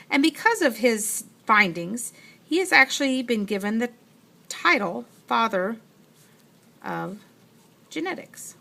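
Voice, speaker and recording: Bright and forceful, with vocal fry and a pitch on the high side, a woman teacher patiently explains a science lesson. She thinks aloud as she writes during the classroom lecture.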